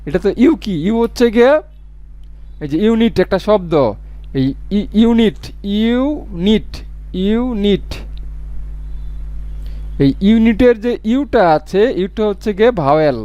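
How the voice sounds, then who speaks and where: A man giving a spoken English grammar lesson, repeating words and drawing out examples slowly. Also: high-pitched, animated, warm tone, smooth, muffled recording. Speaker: English tutor.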